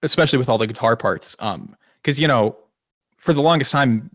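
Fairly quick and mid-pitched, this band's singer and guitarist talks loosely in an interview, his voice a little nasal. He meanders, restarts often and chuckles lightly, recorded dry with a clean studio sound.

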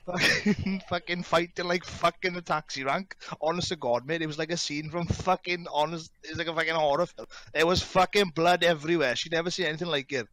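A man's voice: fairly high pitch, fairly even intonation, fairly quick, sharp tone, dry recording, low-quality recording. A man in his thirties reminiscing in casual chat, swearing constantly and talking in an emphatic, matey way. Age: 30s.

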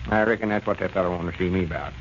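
A man's voice: deep voice, very fast, lightly acted. An actor playing a self-assured older Southern country businessman who explains things in a folksy way in a 1930s radio comedy. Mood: explaining. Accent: rural Southern US. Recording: muffled, noisy 1930s radio recording.

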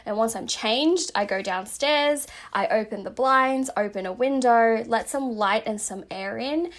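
A woman with a slightly high voice speaks a bit slowly as she hosts a casual self-help podcast. She's chatty and rambling, full of fillers, and mentions that she's starting to lose her voice.

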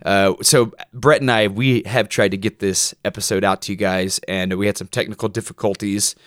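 A man co-hosting a casual podcast, talking in a relaxed, easygoing way and joking at his own expense. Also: on the low side, normal speed, no echo, clean studio sound. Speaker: podcast co-host.

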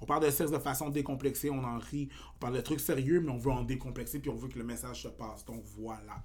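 A man with a Québécois French accent, a comedian guest in a casual podcast chat, animated and mixing English slang into his talk, getting louder when worked up. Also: medium pitch, quick pace.

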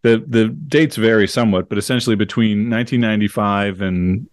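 Measured lowish-voiced male academic, dry close recording. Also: no room sound. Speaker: podcast co-host, college professor in New York. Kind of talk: casual academic discussion.

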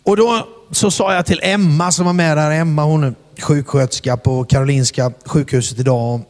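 A man preaching a storytelling sermon, animated and calling out to the congregation whether they follow him. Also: a little high. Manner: animated, asks the crowd "are you with me?"; shouts acted quotes in English. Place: church hall before a congregation. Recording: long hall reverb.

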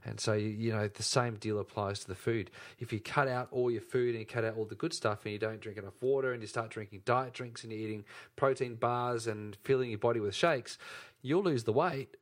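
A man's voice: mid-range voice, brisk, hardly any pauses. A man co-hosting a casual health podcast, emphatic and repeating his key points. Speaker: podcast co-host.

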